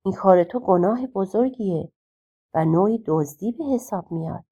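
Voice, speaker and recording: A woman's voice: mid-range voice, lively intonation, warm tone, husky, highs cut off. A woman reading aloud voices a wise, stern old man with magic powers, scolding yet forgiving. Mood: reproachful. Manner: reproachful but forgiving.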